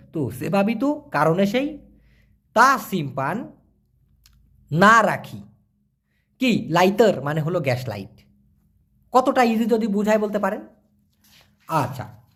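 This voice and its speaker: A man, answering viewer questions in a casual spoken lesson and repeating words slowly for learners. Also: high-pitched.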